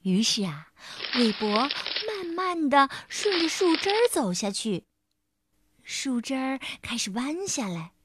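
A woman storyteller reading a children's story aloud, expressive and slow. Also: high-pitched, husky.

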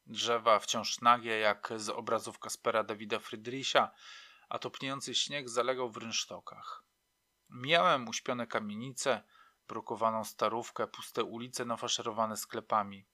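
Bright, dry-voiced male narrator. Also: medium pitch, steady tone, measured pace, dry recording. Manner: reflective, wry storytelling. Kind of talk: audiobook narration.

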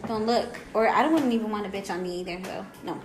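A woman's voice: mid-range voice, fast talker, roomy sound, a crowd in the background. A woman co-hosting a podcast, telling crude stories with lots of laughter in casual chat over a drinking game. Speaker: podcast co-host.

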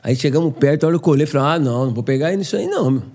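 A man's voice: a little high, very fast. A man, a podcast guest telling stories casually and acting out the dialogue. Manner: animated, acts out quoted dialogue. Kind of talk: casual storytelling.

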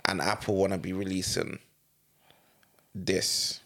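A man's voice: low voice, little pitch movement, a little slow, creaky, bright, forceful tone. A young man with a London roadman accent, chatting casually in heavy street slang and repeating himself for emphasis.

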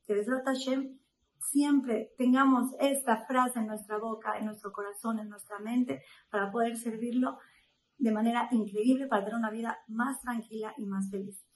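A woman's voice: on the high side, fairly even intonation, normal speed, recorded from a distance, slight background noise, rough recording. A woman speaking to women in a heartfelt inspirational talk, telling a story with emotional, pleading moments.

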